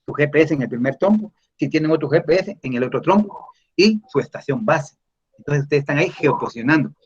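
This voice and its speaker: A man teaching surveying in an online class, explaining slowly and patiently over a video call. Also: a little high, animated, dull audio, slight background noise. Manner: slow, explanatory, addresses listeners as "mis estimados". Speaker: surveying instructor answering questions.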